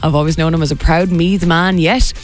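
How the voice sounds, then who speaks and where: A woman's voice: low-pitched, fairly even intonation, fairly quick, faint music behind. A young Irish woman hosting a radio show, chatting casually and teasing her co-host. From Ireland.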